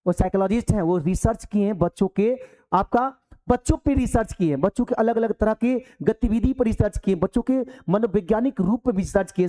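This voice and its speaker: A man's voice: high voice, dark tone. A male coaching teacher, giving a live online class from the hall of his coaching centre, talking conversationally with rhetorical questions and acting out pupils.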